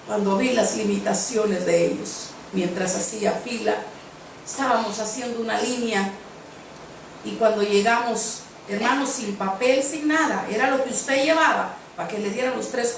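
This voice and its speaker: With a fairly high-pitched voice, a woman preacher tells a personal story during an earnest sermon, repeating key phrases for emphasis. A little hiss or hum accompanies the distant, heavily echoing church recording.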